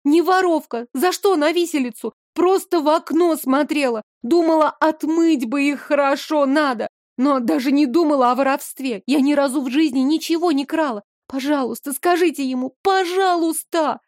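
A woman voicing a desperate young woman who pleads in a high, insistent voice. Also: normal speed, few pauses, darkish tone, no room sound, clean studio sound, lightly acted. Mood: pleading.

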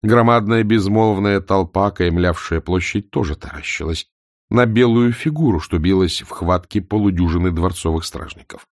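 A man's voice: sits low, normal speed, no echo. A man narrating an audiobook expressively, voicing each character, on a close studio mic. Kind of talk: scripted narration.

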